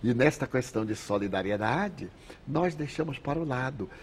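A man's voice: medium pitch, moderate pace, slightly rough. A Brazilian man giving an inspirational spiritist lecture, telling anecdotes and acting out the dialogue. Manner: expressive, acts out dialogue in anecdotes. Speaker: spiritist speaker.

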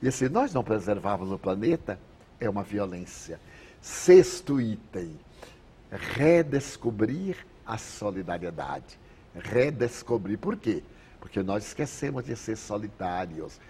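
Brazilian male spiritist speaker, deep and highly animated, storytelling sermon delivery. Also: measured pace, a little hiss or hum. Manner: expressive, acts out dialogue in anecdotes. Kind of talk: inspirational lecture with storytelling.

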